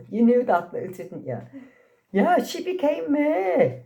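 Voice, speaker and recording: Her voice is a little high yet gravelly and warm, with wildly swooping pitch and a slow pace. She's a Liverpool actress in her sixties with a Liverpool accent, telling anecdotes and laughing often in a casual interview.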